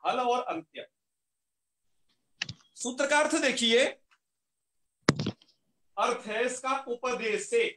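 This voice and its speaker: A man teaching an online class in a high, bright voice. He explains patiently, repeating each key term and posing questions he then answers. The sound carries a noticeable room echo. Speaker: Sanskrit grammar teacher.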